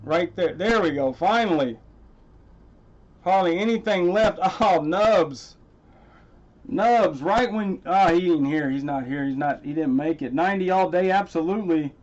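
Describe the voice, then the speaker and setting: On a casual coin-hunting stream, a man with a voice that sits high and moves a little slowly talks right to his chat by name. His finds set off loud excitement, and the recording sounds lo-fi.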